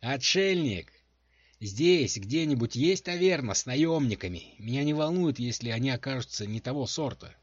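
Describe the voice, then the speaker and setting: A man voicing a blunt, hot-tempered woman warrior in a husky voice on a dull home recording. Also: mid-range voice, animated, moderate pace, dry recording, pitched above the performer's own voice. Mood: demanding.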